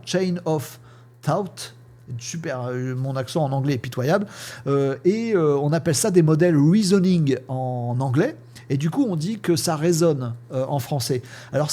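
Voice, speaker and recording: A man giving a casual, chatty lesson on how AI prompting works, talking in a lively way with many fillers and playful sound words. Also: a little high, husky. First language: French. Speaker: teacher explaining AI prompting. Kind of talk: casual spoken lesson with screen demo.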